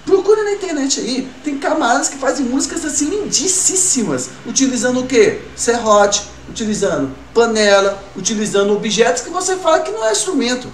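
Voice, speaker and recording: A man teaching a recorded music class to children, asking questions and answering them himself in a lively way. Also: very high voice, brisk, few pauses, far from the mic. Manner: lively, talks to pupils as "gurizada", asks and answers his own questions. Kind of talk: recorded online class for kids. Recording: roomy, from off-mic, faint room noise.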